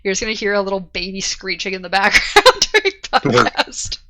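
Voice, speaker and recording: A woman's voice: mid-range voice, sing-song, brisk, sharp tone. A woman in her thirties hosting a casual book club podcast, laughing often and swearing now and then. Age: 30s. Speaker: podcast host.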